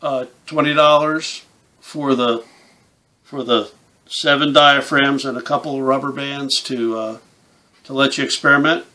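A man's voice: mid-range voice, steady tone, a little slow, sharp tone. A man in his fifties giving a casual, plain-spoken hands-on tutorial, explaining things step by step in an informal way. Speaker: instructor, game call maker. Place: small indoor room with camouflage backdrop.

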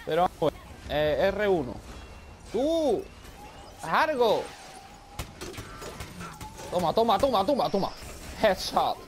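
A man with a Spain Spanish accent giving loud, excitable live gameplay commentary, often shouting and swearing. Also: high-pitched, takes it slowly, pauses often, faint music behind. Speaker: gaming video creator.

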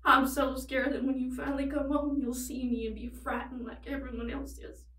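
A woman's voice: sits high, flat delivery, normal speed, a bit bright. A young woman playing a desperate, sorrowful tragic heroine in a dramatic monologue, pleading and confessing in anguish. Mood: tearful, desperate. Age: young adult. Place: indoors against a plain backdrop. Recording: roomy, distant microphone.

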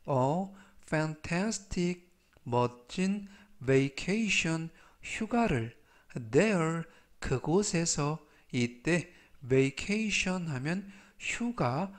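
Male vocab tutor, slightly high voice, slow measured delivery, repeats each word. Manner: slow, deliberate word-by-word explanation with repeated pronunciations. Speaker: English vocabulary teacher. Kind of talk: scripted vocabulary lesson.

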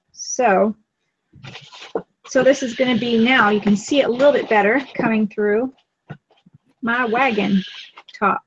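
Brief: easygoing woman, fairly high voice, casual craft-stream chat over a muffled lo-fi line. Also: slight background noise. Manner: chatty, easygoing, talks while working. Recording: lo-fi live-stream audio.

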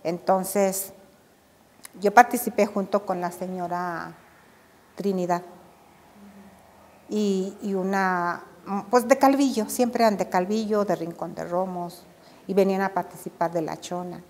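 An older Mexican woman recalls her years as an embroidery artisan in a lively interview. She tells her stories with animation, voicing the people she quotes. Her voice, of middle pitch, carries a long reverb. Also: measured pace, long pauses, slight background noise. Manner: animated storytelling, acts out quoted dialogue. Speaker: embroidery and drawn-thread artisan. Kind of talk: reminiscing interview.

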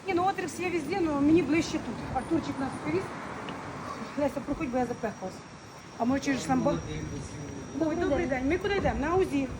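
A high-voiced woman talks quickly and affectionately to her followers as she walks. She films on her phone, with loud street noise all around. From Ukraine. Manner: chatty, affectionate, mixes Ukrainian and Russian words. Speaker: vlogger. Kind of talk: walking vlog to followers. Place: outdoors on city streets, then in a clinic hallway.

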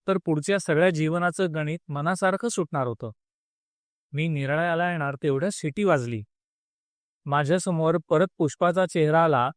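Male narrator reading a story aloud, expressive, slightly high voice, dry close sound. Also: no echo. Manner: expressive, acts out the dialogue.

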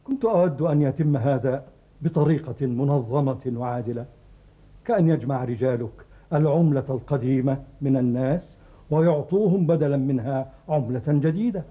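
A man's voice: mid-range voice, moderate pace, narrow, tinny audio, natural voice. A man playing a formal, principled sheikh. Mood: grave. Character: learned older sheikh, calm, principled historian.

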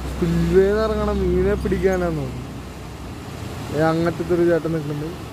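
A man in his twenties with a Kerala Malayali accent talks to viewers in a casual travel vlog style. His voice sits high for a man, and he slips English words into his Malayalam. It is recorded on a handheld phone outdoors, with plenty of ambient roadside noise. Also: steady tone, fairly quick. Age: 20s. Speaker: travel vlogger. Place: outdoors by roadsides, dam and waterfall. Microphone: handheld phone at arm's length. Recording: noisy outdoor roadside, wind and traffic.

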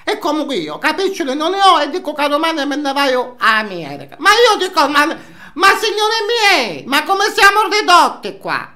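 A man's voice: extremely high pitch, very animated, moderate pace, pushed and bright, full character voice. An older man playing a nosy, indignant Sicilian housewife in a comic monologue, scolding and repeating himself in Sicilian dialect. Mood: indignant gossip. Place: small indoor room, seated facing camera.

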